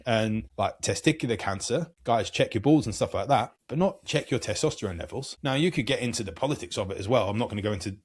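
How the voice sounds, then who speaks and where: A man's voice: lowish voice, animated, fast talker, hardly any pauses, breathy edge. A man, a podcast guest giving long, earnest explanations as a hormone coach. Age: 30s. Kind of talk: podcast interview.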